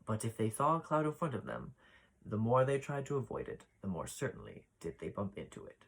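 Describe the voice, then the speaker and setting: A man reading a classic children's story aloud, voicing the children's lines with brighter lifts. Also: fairly low pitch, a little fast, vocal fry, breathy edge, rough recording. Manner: expressive reading, voices the children's dialogue with lifts. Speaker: ballet dancer reading a children's book aloud.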